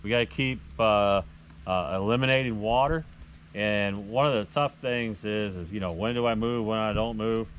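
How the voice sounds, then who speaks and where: Out on a lake in a small boat, a middle-aged American tournament angler who vlogs about fishing keeps up casual, folksy, rambling commentary to camera. His voice is fairly low and fairly bright at a normal speed, and the action-camera sound carries heavy ambient noise.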